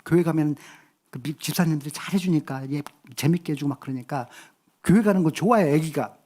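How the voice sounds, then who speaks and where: A man's voice: on the high side, brisk. Man preaching in chatty storytelling. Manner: lively colloquial storytelling. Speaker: pastor. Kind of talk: sermon. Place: church.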